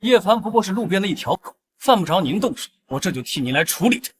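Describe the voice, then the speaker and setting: A sneering, fawning schemer in a short drama, mocking his rival and flattering his boss. His voice runs high and lively. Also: quick pace, breathy edge, full character voice. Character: scheming, fawning young man who sneers at the hero.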